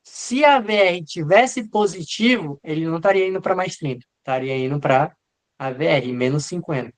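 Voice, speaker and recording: High-voiced man teaching casually. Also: normal speed. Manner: informal, answers students by name, acts out leads speaking. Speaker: medical lecturer. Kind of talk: live online class.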